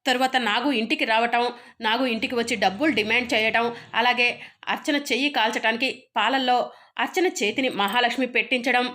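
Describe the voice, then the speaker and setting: A woman narrating a recap of a TV serial episode, telling it quickly and briefly voicing the characters' lines. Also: a little high. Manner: quick, lively retelling that slips into the characters' lines. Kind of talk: storytelling recap with voiced dialogue.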